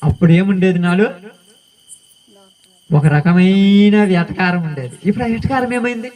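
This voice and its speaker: A man's voice: sits high, normal speed, darkish tone, rough recording. A male pastor preaching a sermon in a colloquial style, often putting questions to the congregation.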